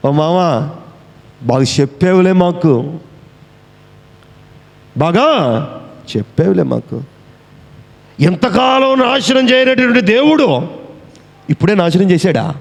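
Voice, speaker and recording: Sarcastic scoffing sons-in-law, put on by a male preacher, high, echoey hall. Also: sing-song, takes it slowly, gravelly, long pauses, full character voice. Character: scoffing sons-in-law, mocking adult men.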